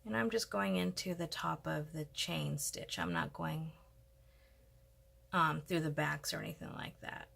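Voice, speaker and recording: A woman hosts a homey crochet tutorial in a casual, chatty way, thinking aloud and filling gaps with little ums. Her voice is bright and carries some vocal fry. She talks close to the mic while her hands are busy. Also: sits low, a little slow. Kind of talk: casual step-by-step craft tutorial.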